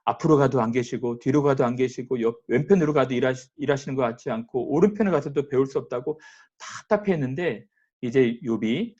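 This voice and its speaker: A male pastor gives a morning devotional sermon in a relaxed, conversational way, often speaking straight to his listeners. His pitch is middling, and the recording is slightly dull and lo-fi. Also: fairly quick. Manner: conversational preaching, addresses listeners directly.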